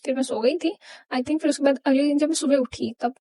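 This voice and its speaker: A woman's voice: sits high, fairly even intonation, fairly quick, dark tone, no echo. A young woman vlogger telling a personal story in an emotional, rambling, confessional way. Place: home.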